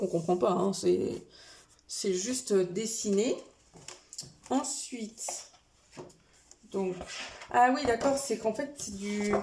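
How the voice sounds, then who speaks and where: Against slight background noise, a woman with a fairly high, slightly mellow voice chats casually to camera about a shopping haul. Her speech is hesitant, peppered with fillers and small self-corrections.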